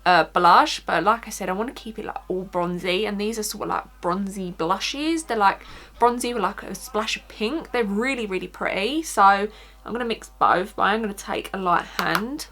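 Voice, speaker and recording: A woman with an Essex accent chats through a makeup tutorial in a casual, informal way. Her voice sits at a medium pitch. She talks like a beauty vlogger, loosely and conversationally, peppering her sentences with "like". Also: moderate pace, fairly bright tone. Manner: informal, chatty, frequent "like".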